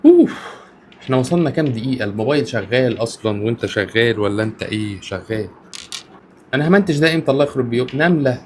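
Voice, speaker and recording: Egyptian man, rap reviewer, very fast talk, excitable, faint background noise. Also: medium pitch. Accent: Egyptian Arabic. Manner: excitable, swears oaths often, exclaims. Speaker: rap reviewer, content creator. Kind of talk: casual reaction commentary.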